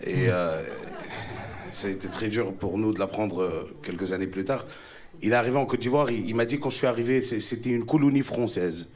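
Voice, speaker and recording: A man from Ivory Coast doing stand-up comedy, telling animated stories with punchlines to a live audience. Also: lowish voice, brisk. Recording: live show with loud audience.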